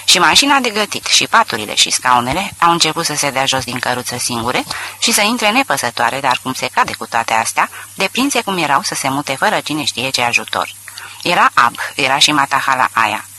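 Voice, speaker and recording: A man narrating a literary audiobook in an expressive storytelling manner. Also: mid-range voice, slight background noise, poor audio.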